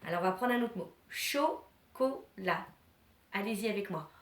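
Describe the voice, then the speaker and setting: A woman teacher giving a lesson to young children, encouraging them and pronouncing words slowly and clearly. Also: mid-range voice. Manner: warm, encouraging, slow and clearly articulated; syllables stretched and repeated for children.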